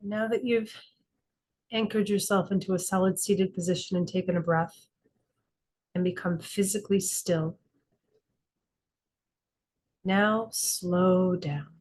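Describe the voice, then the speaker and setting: Over a video call class, a woman with a lowish voice leads a guided meditation as the teacher. She's calm and instructive, speaking in slow, deliberate phrases broken by frequent pauses.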